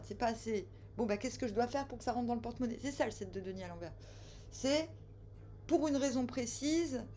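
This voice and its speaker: Speaking right to her audience, this female tarot reader keeps things casual, teasing, joking and telling them off, with abrupt loud moments and hushed side comments. Her pitch is a bit high, and a faint hiss or hum runs under the recording.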